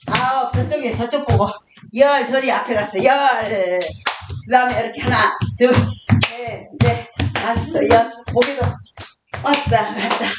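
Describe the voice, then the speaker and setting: An older woman, a grandmother, casually leading home exercises, counting aloud and chatting to a small child. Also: a little high. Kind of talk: casual spoken instruction with counting. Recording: echoey room with faint noise.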